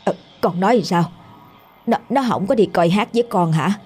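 A woman's voice: mid-range voice, moderate pace, darkish tone, slightly rough, close to an everyday voice. A woman voicing a frail rural mother who speaks in a trembling, wailing voice. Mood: distraught.

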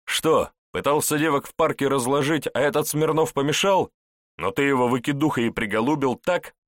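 A man voicing a coarse, mocking male police investigator who talks in gruff slang, in an audiobook. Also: fairly low pitch, sing-song, unhurried, a bit bright, no echo, studio quality, pitched above the performer's own voice. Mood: sneering.

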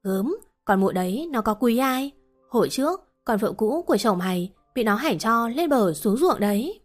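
A woman's voice: fairly high pitch, animated, normal speed. A woman voicing a blunt, scolding but caring old village woman, over faint music.

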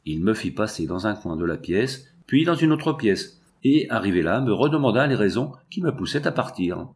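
Man reading a novel out loud, lowish voice, steady audiobook narration. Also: moderate pace. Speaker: audiobook reader. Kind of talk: literary narration.

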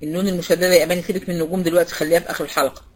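Egyptian woman, teacher, quick speech, husky voice, quizzes students, repeats points. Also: lowish voice, fairly even intonation. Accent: Egyptian Arabic. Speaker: Quran recitation teacher. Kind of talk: online class lecture.

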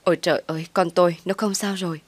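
A woman's voice: lowish voice, steady tone, fast, no room sound, natural voice. Woman reading a tearful worried mother. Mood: fretful. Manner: fretful, soothing.

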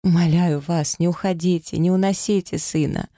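Man playing a tearful young mother, pleading, heartbroken, gravelly edge, dry close sound. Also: fairly high pitch, steady tone, moderate pace, dark tone, no room sound, voice pushed up.

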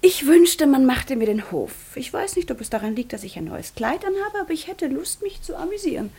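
A woman's voice: high-pitched, big pitch swings, a little fast, mellow. An actress playing a proud young woman fresh from a convent in a radio drama, often dropping into a tense whisper. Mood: playful. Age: young adult. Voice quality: breathy. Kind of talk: studio radio drama acting.

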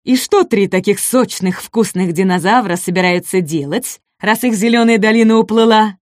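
A woman's voice: medium pitch, normal speed, no echo, clean studio sound, natural voice. A woman voicing a greedy, boastful male predator dinosaur in a children's storybook, growling and menacing. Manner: growling, snarling.

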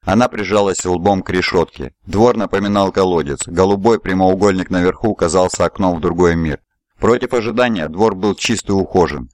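A man narrating an audiobook in an even, measured reading voice. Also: low-pitched, no room sound. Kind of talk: scripted narration.

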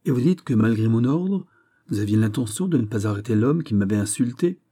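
A man's voice: mid-range voice, expressive, brisk, mellow, breathy edge. A man reading an audiobook, voicing a proud young king who questions sharply and haughtily. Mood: indignant.

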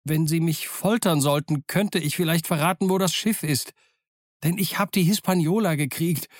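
A man's voice: high-pitched, no room sound, studio quality, pitched above the performer's own voice, close to an everyday voice. A man voicing a frightened, honest teenage boy who pleads earnestly in an audiobook. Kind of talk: audiobook character voice.

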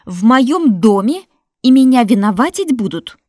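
A shrieking merchant widow, loud and high, her voice ringing with fear, as a woman reads her in a storybook. She wails her words in a dry, close recording. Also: big pitch swings, a little slow, no echo. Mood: shrill. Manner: shrieking, wailing. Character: shrill frightened merchant widow, middle-aged.

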